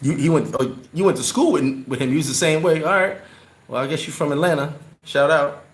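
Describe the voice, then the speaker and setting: A man from New York hosts a casual livestream, answering his chat in a loose, rambling way and repeating words when he gets worked up. His voice is a little high and brisk, with a roomy echo on the recording.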